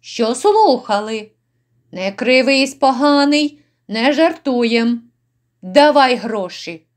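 A woman's voice: sits high, expressive, slow pace. A woman voicing rowdy, brutal drunken noblemen who jeer and bark orders. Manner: gruff, jeering shouts.

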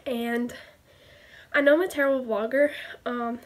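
A woman's voice: a little high, fairly even intonation, a little slow. A teenage girl with a Southern American accent, chatting casually through a haul vlog from her bedroom, filling every sentence with "like". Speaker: vlogger. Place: bedroom, indoors. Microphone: webcam at desk distance.

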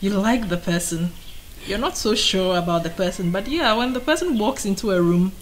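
A woman's voice: medium pitch, animated, moderate pace, a little hiss or hum. A woman in her thirties with a Ghanaian accent, answering interview questions in a thoughtful, explanatory way. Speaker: writer being interviewed. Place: indoors on a sofa by shelves of mugs.

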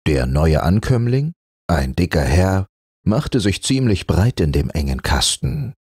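A man narrating a fairy tale as a gentle bedtime audiobook reader. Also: deep voice, very animated, unhurried, breathy edge, no echo, clean studio sound. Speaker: storyteller.

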